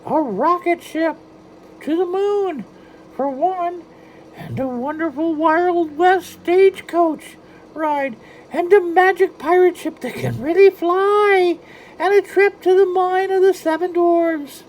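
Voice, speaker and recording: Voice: very high-pitched, takes it slowly, darkish tone, a little hiss or hum, voice pushed up, poor audio. A storyteller voicing a cheerful, eager male cartoon mouse who talks in a chirpy, enthusiastic way.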